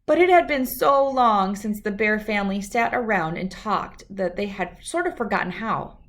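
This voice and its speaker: A woman reads a children's storybook aloud, narrating expressively at medium pitch and normal speed.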